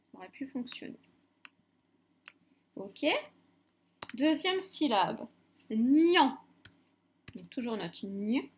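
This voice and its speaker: Lady teacher doing a phonics lesson for little kids, slowish and kinda high, says every syllable twice. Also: very animated. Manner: slow, clear dictation, repeating each syllable. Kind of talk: phonics lesson for young children.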